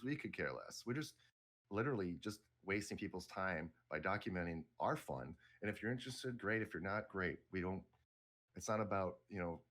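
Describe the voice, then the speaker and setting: A man's voice: low-pitched, fairly bright tone. A middle-aged man talking casually as an interview guest, rambling and correcting himself as he goes. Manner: rambling, self-correcting, laid-back.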